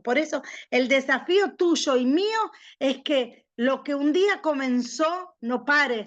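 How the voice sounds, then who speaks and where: Emphatic woman preacher, high voice. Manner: emphatic, repeats key phrases for stress. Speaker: prophet teaching a training class. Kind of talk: preaching-style Bible class. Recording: dull lo-fi recording.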